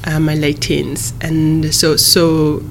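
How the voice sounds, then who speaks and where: A woman in her thirties who grew up in East Africa, a guest answering interview questions in a measured, careful way with frequent pauses and restarts. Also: low voice, flat delivery, slight background noise. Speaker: guest, human rights advocate.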